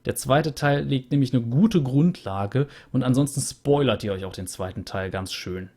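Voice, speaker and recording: Summing up a game in casual let's play commentary, a young host rambles and chats with lots of filler words. He has a medium-pitched, mellow, husky voice with lively intonation and a moderate pace, recorded on a USB studio mic at home.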